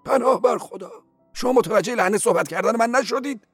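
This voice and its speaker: A high, sing-song male church porter who giggles, gushes and preaches at whoever will listen, as a male reader puts him on. His voice swoops up and down with lively, lecturing delight. The audiobook sound is dry and close. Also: dry recording, faint music behind. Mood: preachy, effusive. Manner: giggling, effusive and sly, lecturing.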